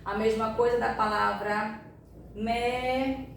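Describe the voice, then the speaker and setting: A woman's voice: mid-range voice, expressive, slow. A woman teaching a grammar lesson, explaining patiently and often checking that her students follow. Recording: echoey room, far from mic, faint noise.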